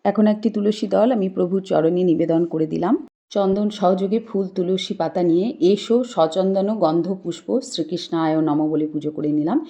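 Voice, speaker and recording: A woman hosting a home puja video, calmly explaining each ritual step and chanting mantras in a devotional tone. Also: fairly low pitch, normal speed. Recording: dull lo-fi home recording.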